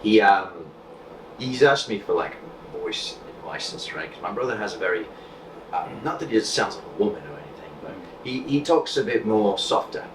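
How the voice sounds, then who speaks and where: A man's voice: on the low side, lively intonation, normal speed. A man talking as a guest on a casual podcast, direct and projecting from the diaphragm. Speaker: podcast guest, content creator and magician. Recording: echoey room, distant mic, faint noise.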